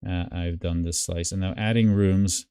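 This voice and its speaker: A man's voice: low voice, fairly even intonation, normal speed, warm tone, clear, resonant tone, dry recording. A man hosting a live stream, walking through a diagram on screen and thinking aloud, with many fillers and restarts. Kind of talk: casual screen-share walkthrough.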